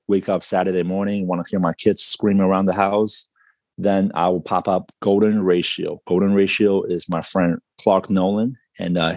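Male startup founder, interview guest: confident, informal pitch delivery, mellow low tone, very dry sound. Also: dry recording. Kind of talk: conversational interview answers.

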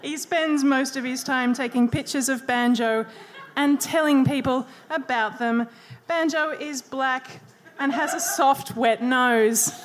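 A woman's voice: high-pitched, background noise. A woman hosting a comedy debate on stage, introducing the next debater with playful, dry jokes. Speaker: host. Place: comedy venue before a live audience.

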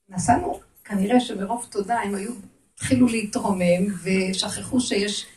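A woman's voice: mid-range voice, recorded from a distance, rough recording. A middle-aged woman teaching a religious lesson to women, emphatic, with urgent repetition and rhetorical questions.

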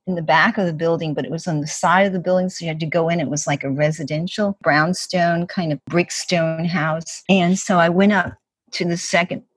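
An older woman recalls a story in a relaxed, chatty way, sprinkling in fillers and acting out quotes. Her voice is husky and sits on the low side. The sound is dry and close. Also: fairly quick, no echo. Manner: chatty, many "like" and "you know" fillers, acts out quotes. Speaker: interviewee. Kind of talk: casual storytelling.

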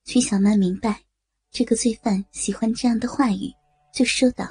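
Woman storyteller, husky, mellow tone, faint music underneath. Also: on the high side, moderate pace. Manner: steady, even storytelling narration. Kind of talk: scripted narration of an audio story.

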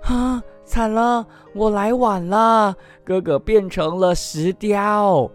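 A man voicing a timid little girl in a picture-book story, speaking slowly and pleadingly. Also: high voice, fairly even intonation, faint music behind, pitched above the performer's own voice. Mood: panicked. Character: frightened little girl, timid younger sister.

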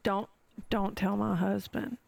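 A woman hosting a casual sports podcast, chatty and quick to laugh as she reads through notes. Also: mid-range voice, fairly even intonation, creaky, darkish tone. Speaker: podcast host. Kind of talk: casual chat.

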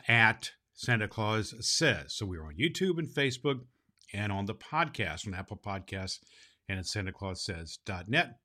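A man's voice: fairly low pitch, pushed and bright. A man playing a jolly old Santa Claus who hosts a children's storytelling show in a hearty, rambling manner.

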